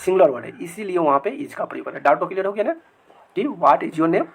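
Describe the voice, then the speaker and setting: A man teaching English grammar to children in a video lesson, repeating each example sentence slowly several times. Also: sits high, very animated, creaky, breathy edge. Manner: addresses viewers as children. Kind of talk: Hindi-language grammar lesson.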